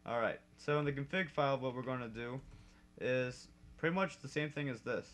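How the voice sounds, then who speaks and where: A young man talks through a casual coding tutorial at his desk, chatty and quick to correct his own slips. His voice sits at an ordinary middle pitch. Keyboard typing clacks behind him. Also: fairly bright tone. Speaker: modding tutorial host.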